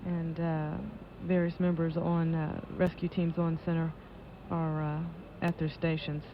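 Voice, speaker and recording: A woman giving live launch control commentary as an official announcer, in a measured, matter-of-fact way. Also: sits low, level tone. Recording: dull lo-fi broadcast audio with noise.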